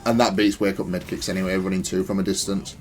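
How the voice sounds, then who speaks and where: A gamer explains a replay of his own match with matter-of-fact, analytical commentary, thinking aloud in stop-start fashion. His voice is low, his delivery flat, and his pace quick.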